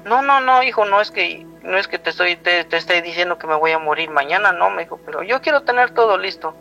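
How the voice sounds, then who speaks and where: With lively intonation and a quick pace, a Guatemalan man shares a personal story as a guest, his high, bright voice shaped by a Guatemalan Spanish accent. He rambles, constantly retelling who said what with "he told me," as background music plays clearly on the slightly dull recording.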